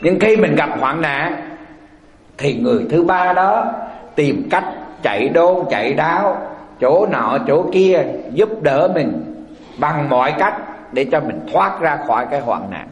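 Male Buddhist monk, slightly high voice, folksy sermon in a reverberant temple hall. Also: lively intonation, measured pace. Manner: rhetorical questions, asking the audience back. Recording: echoey hall.

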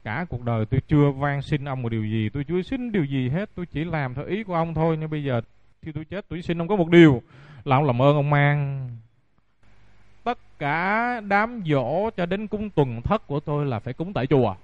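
A man's voice: fairly high pitch, animated, a little fast, no room sound, highs cut off, natural voice. A man voicing a dying older woman who earnestly pleads with her husband. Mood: pleading. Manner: earnest, beseeching.

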